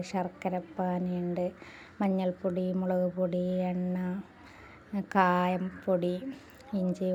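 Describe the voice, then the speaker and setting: A middle-aged woman chats through a home cooking voice-over, often dropping in friendly tag words. Her voice is mellow and stays fairly level in pitch, with a faint hiss of noise underneath. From Malappuram, Kerala. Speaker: cooking channel host.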